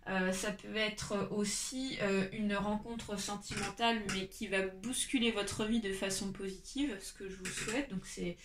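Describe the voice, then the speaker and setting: A woman with a congested, stuffy nose from a cold gives a casual tarot reading to viewers, speaking haltingly and repeating her phrases. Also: medium pitch, steady tone. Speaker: tarot reader. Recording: roomy echo, distant mic, light noise.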